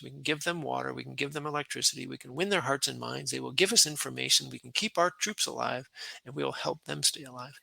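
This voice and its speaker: A man in his sixties, a retired colonel, telling lively stories as a podcast guest and acting out quotes with laughs. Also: medium pitch, gravelly, breathy edge, no echo, low-quality recording. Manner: animated anecdotes with laughs and acted-out quotes. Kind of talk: conversational war storytelling.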